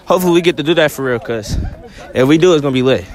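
A man's voice: on the high side, rapid-fire, music in the background. A young man vlogging casually on his phone while walking a snowy college campus, talking in blunt slang and joking complaints. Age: young adult. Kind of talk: casual vlog chat. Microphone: phone held at arm's length. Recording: outdoor phone audio with crowd.

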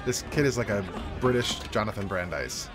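A man's voice: on the low side, expressive, moderate pace, loud music behind the voice. A man hosting a movie reaction, chatty and enthusiastic. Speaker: host. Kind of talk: casual reaction commentary.

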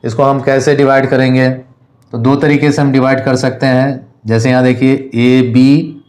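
A male teacher from India explains an English lesson. He talks slowly and keeps his pitch level, with little rise or fall. He spells words out letter by letter in a patient, deliberate way. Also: level tone, a little mellow.

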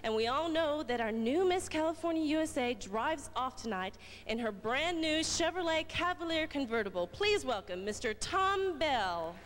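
A woman's voice: sits high, lively intonation, moderate pace, hardly any pauses. A woman in her twenties reading scripted announcements from a stage as a pageant titleholder. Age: 20s. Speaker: pageant titleholder presenting guests. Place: large pageant theater stage. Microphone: handheld or stand microphone. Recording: echoey hall PA, noisy audience, old tape.

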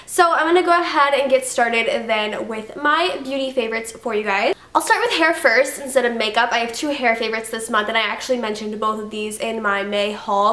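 Sitting indoors in her bedroom, a young beauty vlogger reviews her favorites in a bright, high-leaning voice that's stuffy from a cold. She gushes casually and leans heavily on "like," and the room sounds roomy.

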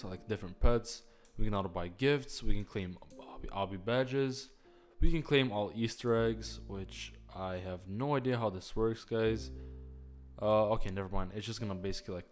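A young man hosting a casual screen-recorded game tutorial, upbeat and quick, saying "guys" all the time. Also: lowish voice. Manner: upbeat, fast, says "guys" constantly. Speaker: channel host.

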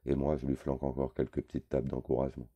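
A man narrates a novel in the first person with an extremely low, dark voice. His reading is wry and conversational, like telling a story across a table. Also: completely flat delivery, fast talker, muffled recording. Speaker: audiobook reader.

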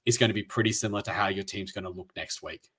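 Man, fairly low voice, earnest explainer, casual panel chat. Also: quick pace, fairly bright tone, slightly rough. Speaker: fantasy football panelist.

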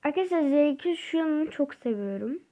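A woman hosting her own gaming channel, giving chatty, excitable let's-play commentary and crying out during the game. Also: high-pitched, fairly quick, highs cut off.

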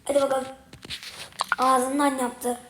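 A young woman commentates casually on a game in a high, very monotone voice that sounds strained and partly lost. She mutters short remarks to herself. The room echoes and loud noise runs behind her. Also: slow pace. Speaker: gaming video creator. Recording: roomy, loud noise and clicks.

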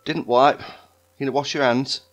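A man's voice: mid-range voice, steady tone, measured pace, highs cut off. A man giving wry, joking commentary while playing a video game. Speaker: gaming YouTuber. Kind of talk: let's play commentary. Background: game music.

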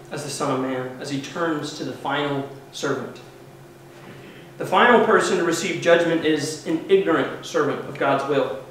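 A pastor in his thirties preaches an earnest, emphatic sermon from the pulpit of a church sanctuary. His voice is on the high side and fairly bright, picked up by a distant camera mic with no visible microphone, so the audio carries slight hiss or hum and heavy echo from afar.

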